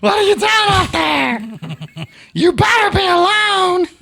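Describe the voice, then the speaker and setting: A man putting on a grumpy old grandmother with a smoker's rasp, yelling and scolding in a high, slow voice. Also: big pitch swings, full character voice.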